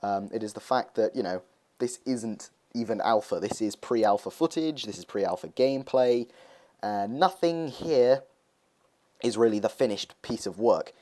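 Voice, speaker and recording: A man's voice: lowish voice, unhurried, dark tone. A young man talking casually over gameplay footage, rambling with lots of hesitations as he hosts his gaming video.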